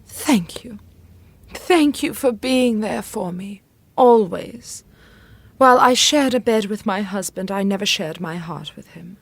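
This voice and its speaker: A woman's voice: mid-range voice, expressive, a little slow, creaky, breathy edge, no room sound, heavily acted. An actress playing an anxious, devoted middle-aged widowed queen in an audio drama, with refined, earnest and emotive delivery. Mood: tender.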